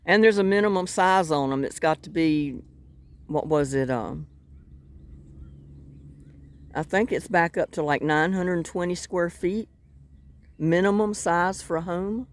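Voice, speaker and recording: An older Southern woman from North Carolina fishes outdoors by the water and chats for her vlog in a lowish, unhurried voice, pausing often. Her talk is rambling, folksy and self-deprecating.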